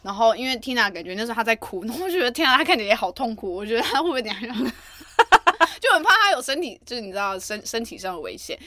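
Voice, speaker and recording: A woman's voice: on the high side, big pitch swings, fast talker, pushed and bright, no room sound. A woman, co-hosting a podcast in casual chat who jumps in to add her own details. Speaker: podcast co-host.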